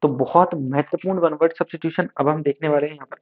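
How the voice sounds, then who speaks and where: A male teacher runs an online exam-prep lesson and drills vocabulary by saying each word more than once. His voice sits a little higher than most men's, and he sounds slightly unwell. The sound is thin and tinny, like a phone line. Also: steady tone, quick pace.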